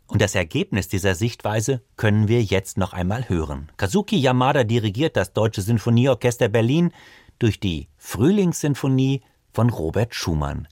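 A man reading a scripted radio feature in a measured, precise way. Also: lowish voice, expressive, darkish tone, no room sound. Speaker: radio presenter. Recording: dry studio sound.

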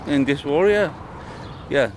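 A man, interviewed outdoors, speaking halting, simple English with repeated words. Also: fairly high pitch, animated, a little hiss or hum. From Iran. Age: early 40s. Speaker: interviewee, construction worker. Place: outdoors in a village square.

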